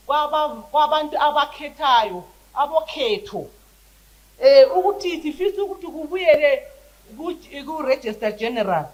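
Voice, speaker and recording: A woman with a Zimbabwean Ndebele accent giving a parliamentary debate speech as a member, in a halting manner with repeated starts. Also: high-pitched, poor audio.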